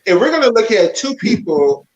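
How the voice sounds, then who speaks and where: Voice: medium pitch, sing-song, moderate pace. A podcast co-host pushing back in casual chat, arguing a point and acting out other people's reactions. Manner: argumentative, acts out quoted voices. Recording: echoey, dull lo-fi audio.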